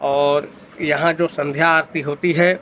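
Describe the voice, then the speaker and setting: Slow, measured man with a flat voice. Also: on the high side, lo-fi sound, slight background noise. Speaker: local speaker giving festival wishes. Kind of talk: formal greeting to camera.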